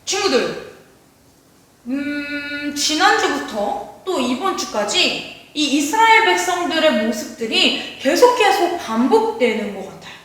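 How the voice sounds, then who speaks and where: A woman's voice: high-pitched, very animated, unhurried, fairly bright tone. A woman teaching a children's worship service, telling a Bible story animatedly and acting out the characters' voices with laughing asides. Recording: echoey room from a distance.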